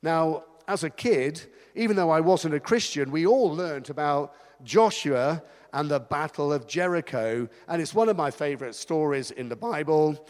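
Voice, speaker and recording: A man's voice: on the high side, lively intonation, normal speed, a little mellow. A man preaching a sermon as pastor, chatty and self-mocking, in a church hall. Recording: long hall reverb.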